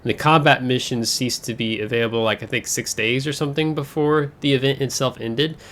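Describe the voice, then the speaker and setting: A man's voice: medium pitch, steady tone, brisk, fairly bright tone. Congested, chatty man hosting a game video. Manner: chatty, rambling with fillers and self-corrections. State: congested from air travel. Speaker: gaming channel host. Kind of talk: casual game overview.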